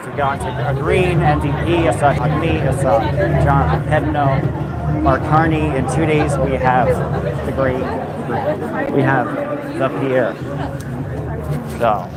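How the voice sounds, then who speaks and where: An American man livestreaming casual, candid commentary to his viewers in a halting way. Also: on the high side, fairly even intonation. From United States. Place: live on location at a rally. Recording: loud crowd and background noise.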